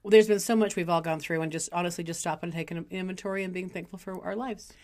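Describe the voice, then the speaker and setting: Woman co-host, voice a bit raspy today, low pitch, affirming. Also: fairly even intonation, fast talker, a little mellow. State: slightly raspy voice. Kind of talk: casual chat.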